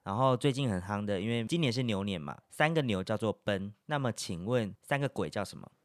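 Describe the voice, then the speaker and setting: A man's voice: fairly low pitch, lively intonation, fairly quick, no room sound. Playful Taiwanese-accented man with a dry sound. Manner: playful, teasing. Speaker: co-host and quizmaster. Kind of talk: casual banter.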